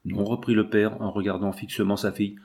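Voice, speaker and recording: An older father in exile speaks gravely, his firmness giving way to emotion, as a male reader voices him. His lines are low and weighty, as in a storybook recording. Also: little pitch movement, a little fast, darkish tone, lightly acted. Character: older exiled father, proud yet deeply moved.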